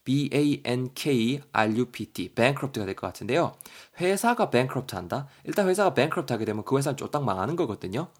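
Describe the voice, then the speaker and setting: A man teaching English vocabulary on a podcast, chatty and lively, spelling words out letter by letter. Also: medium pitch, moderate pace, hardly any pauses.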